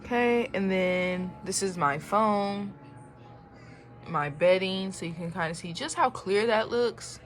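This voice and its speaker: A young woman in her twenties talks casually to her phone camera from home, voice sitting at an ordinary middle pitch. She rambles along with plenty of fillers and the odd playful exclamation. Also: slow, faint music behind. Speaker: vlogger. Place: at home, indoors.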